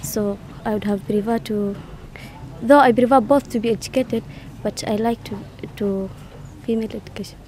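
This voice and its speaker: A woman answering interview questions in halting, repeating phrases. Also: fairly high pitch, fairly even intonation, warm tone, slight background noise.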